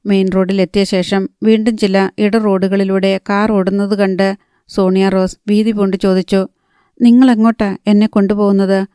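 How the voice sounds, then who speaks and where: A woman narrating a novel in a calm, even storytelling manner. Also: mid-range voice, moderate pace, clear, resonant tone, no echo, clean studio sound. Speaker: audiobook narrator.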